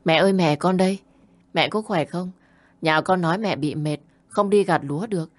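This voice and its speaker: A woman voicing a grown son working abroad who talks to his mother gently and reassuringly. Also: on the low side, moderate pace, no echo, close to an everyday voice. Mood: caring.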